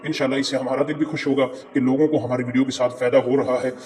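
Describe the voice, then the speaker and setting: A man teaching Quran reading step by step, spelling out letters and vowel marks slowly and repeating words patiently. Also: mid-range voice, level tone, a little mellow. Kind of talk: step-by-step lesson.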